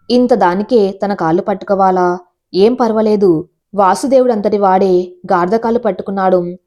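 Brief: woman storyteller, warm mellow voice, even measured reading. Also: mid-range voice. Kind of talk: scripted first-person audio story narration.

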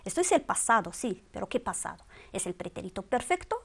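A woman's voice: mid-range voice, very animated, fairly quick, gravelly, breathy edge. A woman teaching a grammar lesson, drilling verb forms one by one with patient quiz questions. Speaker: Spanish teacher.

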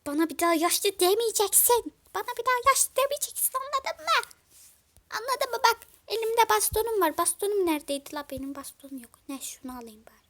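A woman voicing a cranky old village grandmother who scolds and threatens in a squeaky put-on voice during a toy-game role-play. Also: lively intonation, fast talker. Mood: scolding.

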